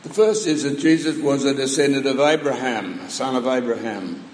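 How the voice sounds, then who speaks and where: A man with a croaky voice from allergies, preaching a sermon with measured teaching and dry humor. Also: mid-range voice, a little hiss or hum. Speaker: pastor. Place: church hall. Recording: roomy hall with long reverb.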